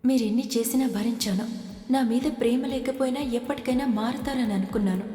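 An actress playing a hurt young wife who reads her farewell letter in a quiet, resigned way. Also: fairly high pitch, fast, lightly acted. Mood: sorrowful. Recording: echoey, reverberant voice-over with faint music.

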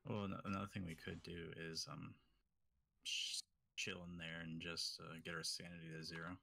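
A man's voice: sits low, flat delivery, moderate pace, gravelly, bright, forceful tone. A man playing a ghost-hunting game with a friend, chatting in a dry, easygoing, teasing way. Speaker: co-player. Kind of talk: casual gameplay chat over voice call.

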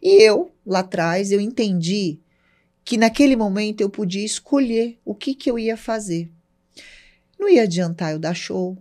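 A woman's voice: medium pitch, moderate pace. A woman with a Brazilian Portuguese accent tells a personal story on a podcast. She talks casually and acts out each speaker in the dialogue she recalls. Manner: lively storyteller, acts out both sides of remembered dialogue. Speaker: podcast guest.

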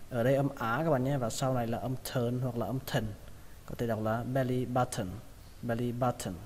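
A man teaching English pronunciation, repeating each word slowly in drills. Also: medium pitch, fairly even intonation, darkish tone, slight background noise. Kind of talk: pronunciation lesson. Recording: long hall reverb.

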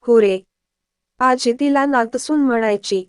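A brusque young man who always looks for his mother first, voiced by a woman narrator. The voice is high and dry. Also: unhurried, smooth, dry recording, natural voice. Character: young man, mother-attached middle son.

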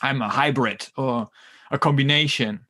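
A man's voice: medium pitch, moderate pace, bright, forceful tone. A middle-aged man raised in the Netherlands and Germany, speaking as a podcast guest in a thoughtful, hesitant way with many fillers and restarts. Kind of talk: conversational interview.

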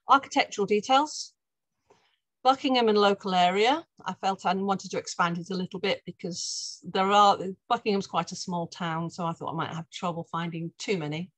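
A woman's voice: mid-range voice, fairly bright tone, no room sound, rough recording. A middle-aged woman, a guest artist talking through her slides on a video call, chatty and often restarting her sentences. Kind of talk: presenting slides in an online talk.

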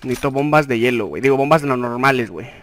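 A young man with a Mexican accent commentating his own Free Fire gameplay. He swings between low muttering and sudden excited yells. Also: rapid-fire, slight background noise. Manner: excitable, shouts and yelps at big moments, mutters low while looting. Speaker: gaming YouTuber.

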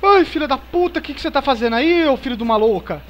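Scared Brazilian horror game streamer, high-pitched man. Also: lively intonation, fast, lo-fi sound, slight background noise. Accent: Brazilian Portuguese. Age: young adult. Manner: scared, panicky, repeats phrases frantically, swears a lot. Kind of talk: live gameplay commentary. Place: indoor room at home. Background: horror game music and sounds.

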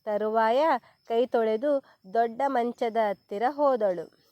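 A woman reading a children's story aloud in a slow, clear, expressive storytelling manner. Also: fairly high pitch, no echo.

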